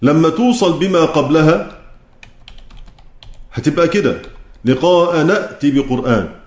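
A man with an Egyptian accent teaches the rules of Quran recitation. His voice sits a little high, and it echoes in the room. He poses questions, answers them himself, and slows down to chant each quoted verse. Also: lively intonation. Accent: Egyptian Arabic.

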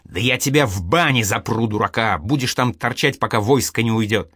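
A man's voice: on the low side, brisk, fairly bright tone, slightly rough, no echo, studio quality. A man voicing a bellowing domineering old father. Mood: furious. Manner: blustering, bellowing commands. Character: gruff domineering old male father, explosive. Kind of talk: audiobook character voice.

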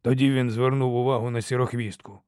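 Male audiobook narrator, mid-pitched, steady first-person telling, dry studio sound. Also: fast, clear, resonant tone, no room sound. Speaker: audiobook reader.

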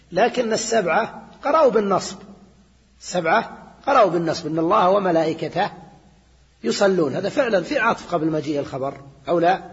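An older man lectures on grammar in a fairly high voice. He explains step by step, repeats key points and keeps checking in with his listeners. The recording is dull and lo-fi, with a long reverb from a large hall. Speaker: teacher of Arabic grammar. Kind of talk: classroom lecture.

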